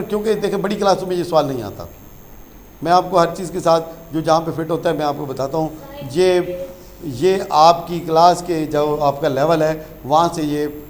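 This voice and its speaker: A man's voice: fairly high pitch, slight background noise. A male teacher giving a classroom grammar lesson, quizzing the class with questions and repeating the key terms, and calling the students "beta.".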